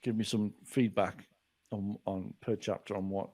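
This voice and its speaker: A man in his forties, appearing as a guest author on a casual podcast, speaks with a fairly low, husky voice at a slightly slow pace. He's an animated storyteller who acts out what people said.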